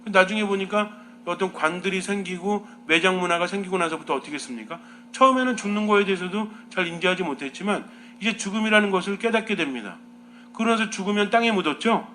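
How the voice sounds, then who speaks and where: Man, priest, homily, questioning teaching tone, fairly high voice, faint background hum. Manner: asks the listeners many questions, lively teaching tone.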